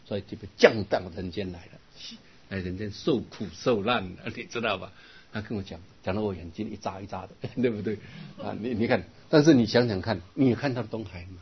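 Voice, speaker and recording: An older man, a Buddhist monk, giving a dharma lecture, telling stories lively and turning to his listeners with asides. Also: on the low side, slightly rough. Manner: lively storytelling with laughs and asides to the audience. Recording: dull lo-fi recording.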